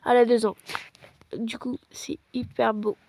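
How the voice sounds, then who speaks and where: A woman's voice: fairly high pitch, level tone, a little slow, creaky. A woman casually narrating a role-play as she plays a game, chatty and talking through each step aloud. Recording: noisy home background.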